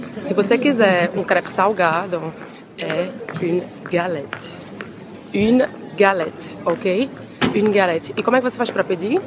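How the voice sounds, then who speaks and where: A woman explaining carefully and unhurriedly in a short language lesson. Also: medium pitch. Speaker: French teacher. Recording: crowd chatter and noise around.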